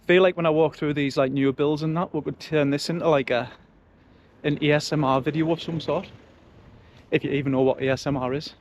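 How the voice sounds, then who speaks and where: A man's voice: fairly high pitch, fairly even intonation, a little fast, lo-fi sound. Chatty man with a Sunderland accent outdoors. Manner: chatty, colloquial dialect. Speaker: local-history vlogger. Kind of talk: casual walking tour commentary. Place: outdoors, walking along residential streets. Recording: outdoor street and traffic noise.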